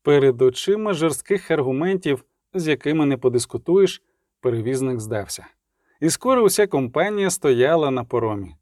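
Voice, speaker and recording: A man narrates a novel in a steady, even read with a dry edge of humour. His voice is mellow and dark, set fairly high for a man, and the recording is close and dry. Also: normal speed, no echo. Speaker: audiobook narrator. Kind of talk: scripted narration.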